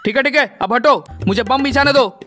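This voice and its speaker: A man's voice: very high-pitched, a little fast. A man voicing a bragging but cowardly young man in a comic game video, yelping in panic. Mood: boastful. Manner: bragging then panicky, yelps in alarm. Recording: background music.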